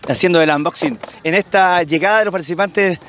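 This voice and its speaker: A man in his thirties with a Chilean accent, roving reporter interviewing scouts on a handheld mic. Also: sits high. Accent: Chilean Spanish. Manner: upbeat, affirming with quick "excelente". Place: outdoor camp and crowded tent stand. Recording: busy crowd noise behind.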